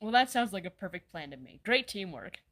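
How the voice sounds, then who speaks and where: A woman acting out comedy sketches, swearing casually and bantering in a deadpan way. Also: mid-range voice, fairly quick. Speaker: sketch comedy creator playing all roles.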